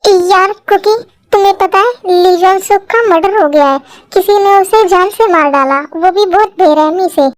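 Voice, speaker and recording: A woman's voice: extremely high pitch, normal speed, no room sound, studio quality. A woman doing a gossipy young friend. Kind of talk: Hindi fan-dub drama.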